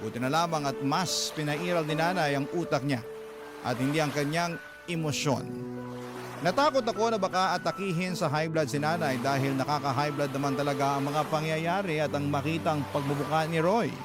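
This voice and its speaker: With a voice on the high side and a natural delivery at normal speed, a man reads a radio drama letter in the first person. He speaks as a heartbroken young mother betrayed by a married lover, recounting her story in a confessional, earnest way while music plays behind him.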